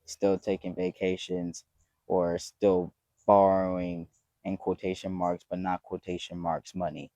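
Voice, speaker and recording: A young man in his twenties with a low, mellow voice gives a loose, heartfelt pep talk straight to his viewers. He rambles and swears freely, earnest throughout. The sound is close and dry with no room around it. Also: level tone, a little slow, dry recording. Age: 20s. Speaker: vlogger. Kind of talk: casual motivational talk to camera.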